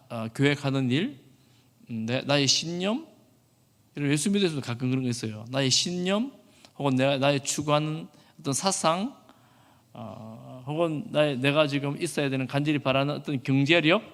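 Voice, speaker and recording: Pastor guy preaching, voice swings up and down a lot, big echoey church hall. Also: medium pitch. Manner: earnest, animated, acts out quoted speech. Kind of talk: sermon.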